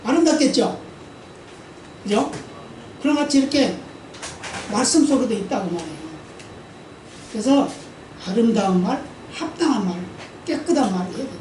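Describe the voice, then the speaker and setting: During a church service, a woman pastor preaches conversationally, calls for amens, and performs the dialogue in her stories. Her slightly high voice is expressive and moderately paced, with long pauses. She sounds far from the mic in the roomy sanctuary, with background noise.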